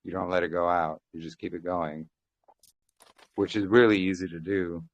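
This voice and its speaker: A man with a very low voice comes through a thin, fading call line. The sound is dull and dry, with no room around it. He explains at length in a casual study-group chat, quoting verses and restarting his phrases. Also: fairly even intonation, moderate pace, dry recording. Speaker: Bible study group member.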